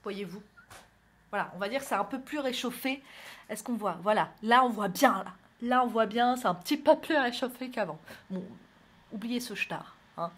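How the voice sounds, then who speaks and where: A woman's voice: a little high, expressive, moderate pace, a little hiss or hum. Chatty self-mocking French woman vlogger. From northern France. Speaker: beauty vlogger. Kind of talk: casual makeup tutorial. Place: indoors at home, by a window.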